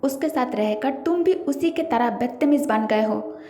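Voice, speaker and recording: A woman's voice: high voice, unhurried, mellow. A woman voicing a stern, angry older brother who gives curt commands. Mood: furious. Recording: echoey reverberant room.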